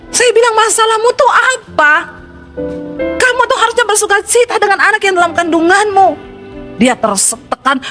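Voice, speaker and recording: Middle-aged woman pastor, high-pitched, exclamatory sermon delivery over soft background music. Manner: emphatic, exclamatory preaching with sudden pitch leaps.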